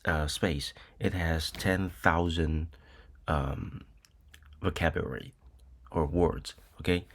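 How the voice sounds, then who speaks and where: A Taiwanese university lecturer with a deep voice speaks slowly in a recorded lecture with a screen demo. He sounds hesitant, using many ums and uhs and often checking in with "okay?"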